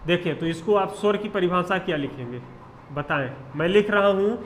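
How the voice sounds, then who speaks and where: A man's voice: sits high, moderate pace, echoey room, slight background noise. A male teacher giving an exam-prep lecture, asking questions and answering them himself, spelling out definitions word by word. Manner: drills terms with questions and answers to students.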